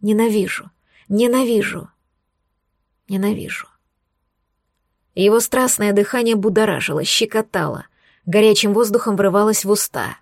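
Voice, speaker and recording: Woman narrator, steady first-person reading, close mic, dry sound, mid pitch. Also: no room sound. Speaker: audiobook narrator.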